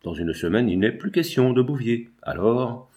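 A man voicing an aging, scheming provincial deputy who pleads and insists in a low, wheedling way. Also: animated, moderate pace, a little mellow, close to an everyday voice. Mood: insistent.

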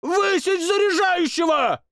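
A bratty young monarch with a shrill, whiny voice that leaps all over the place, performed by a man. He sulks, bosses and shouts at everyone around him. The audiobook sound is close and dry. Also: very animated, moderate pace, dry recording. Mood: furious. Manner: shouts orders and sulks capriciously. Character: petulant, boastful young male king, childish tyrant. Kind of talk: audiobook character voice.

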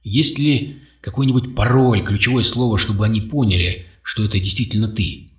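A man's voice: lowish voice, normal speed, close to an everyday voice. A man voicing a courteous, formal officer. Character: formal male radio officer. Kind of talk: audiobook character voice. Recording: dull roomy audio, distant mic.

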